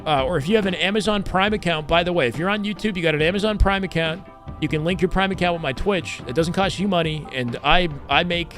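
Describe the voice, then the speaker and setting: A man live-streaming casual game commentary, chatting with viewers and hyping their support with slang shout-outs. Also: sits high, fast talker, faint music behind. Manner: hype slang, thanking and welcoming viewers.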